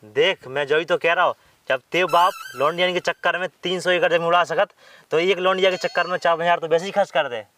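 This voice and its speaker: An actor playing a scheming, persuasive young village friend, conspiratorial and rustic, in a comedy skit. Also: male voice, on the high side, fairly even intonation, fast, pushed and bright, a little hiss or hum.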